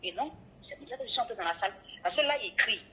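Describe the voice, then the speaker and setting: A woman's voice: medium pitch, quick pace, slight background noise. A woman, a radio and TV presenter, tells her story in a phone interview and acts out each voice in the dialogue. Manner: lively retelling that acts out every voice in the dialogue. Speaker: radio and TV presenter recounting an ordeal. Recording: tinny phone line.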